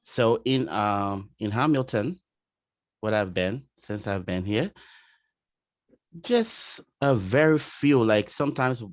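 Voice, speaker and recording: A man from Liberia with a Liberian accent, speaking as an interview guest in casual talk, often pausing with "you know". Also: on the low side, lively intonation, no room sound, clean studio sound. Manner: warm-hearted, many fillers like "you know".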